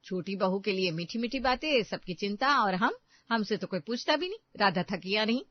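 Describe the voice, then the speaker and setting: A woman voicing a resentful young elder daughter-in-law in a cartoon family story, complaining in sharp retorts. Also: mid-range voice, expressive, moderate pace, no room sound, lightly acted. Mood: bitter. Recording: dry, dull lo-fi voice track.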